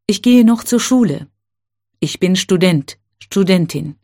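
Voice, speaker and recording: Female teacher, mellow voice, unhurried drill reading with careful gaps between phrases. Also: lowish voice, lively intonation. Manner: slow, careful, clearly spaced phrases. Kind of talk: reading set phrases for learners.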